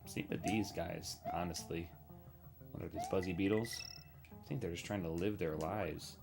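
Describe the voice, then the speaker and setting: A man's voice: low voice, fairly even intonation, normal speed, creaky. A man in his thirties giving casual commentary while playing a retro game, chatty and self-deprecating, often talking to the characters on screen. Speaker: gaming streamer. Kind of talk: casual let's-play commentary. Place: home desk setup. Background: game music.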